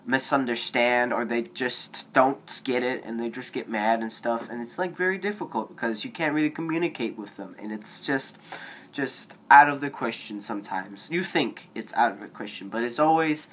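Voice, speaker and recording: A man's voice: mid-range voice, normal speed, a bit bright. A teenage boy vlogging casual advice to a phone camera, rambling and digressive with lots of fillers, his voice cracking now and then.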